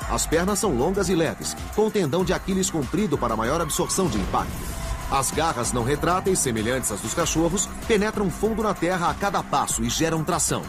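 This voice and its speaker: A man's voice: fairly high pitch, expressive, fairly quick. A man with a Brazilian accent reading scripted, dramatic documentary narration. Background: music bed.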